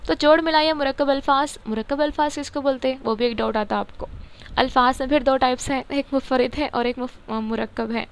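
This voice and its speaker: A teacher with a high, smooth voice and fairly even intonation explains a grammar textbook in a casual lesson. She repeats words and asks questions that she then answers herself.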